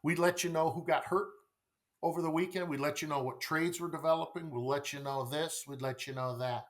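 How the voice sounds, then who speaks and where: In a conversational podcast interview, a middle-aged sales coach talks a little fast in a fairly high voice with a steady tone. He makes his points emphatically, with repeated phrases and rhetorical questions.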